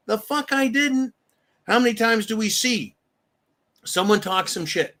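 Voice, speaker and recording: A man with a high, sharp-toned voice hosts a live stream, speaking a little slowly. His casual commentary is blunt, profane ranting, and he acts out the voices of the people he talks about.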